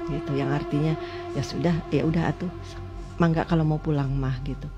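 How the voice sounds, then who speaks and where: A woman from West Java, a guest telling her own experience in an emotional storytelling way. She swings between loud cries and hushed, lowered passages. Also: steady tone, fairly quick, dull audio, music in the background.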